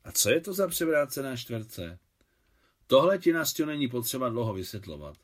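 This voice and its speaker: A man's voice: medium pitch, big pitch swings. A man voicing a thoughtful old man in his eighties. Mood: musing. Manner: reflective, sincere, musing aloud.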